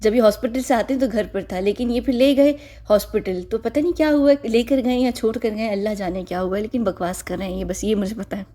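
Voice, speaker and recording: Mocking woman commentator, mellow voice. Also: a little high, brisk, hardly any pauses. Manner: mocking, lecturing. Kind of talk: casual commentary on a video clip.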